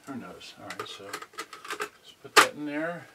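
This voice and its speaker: In a clearly noisy home recording full of clicks, a man reviewing a product unboxes it casually, murmuring half to himself as he handles things with distracted attention. His medium-pitched voice has lively intonation and a slow pace, captured by a camera on a tripod whose distance keeps changing.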